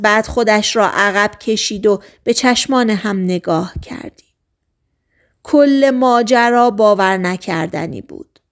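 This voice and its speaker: A woman narrating a novel as an audiobook, in a soft, hushed, often half-whispered voice with slow, deliberate phrasing. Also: medium pitch.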